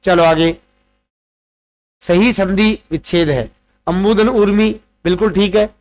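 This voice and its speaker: A man's voice: sits high, fairly even intonation, unhurried. A man teaching a Hindi grammar lesson for exam preparation, quizzing students and repeating each answer several times. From Rajasthan, India. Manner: repeats answers, drills word forms aloud; addresses students directly, quizzing them.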